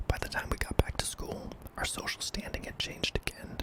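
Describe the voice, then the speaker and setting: A man narrating a scary story in a hushed, breathy ASMR whisper, deliberate and broken into short phrases. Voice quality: breathy, mostly unvoiced whisper with some creak.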